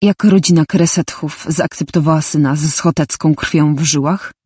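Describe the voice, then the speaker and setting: A woman voicing a menacing, mocking male warrior leader in an audiobook, with a slow, taunting delivery. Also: sits low, a little mellow, husky, no room sound, clean studio sound.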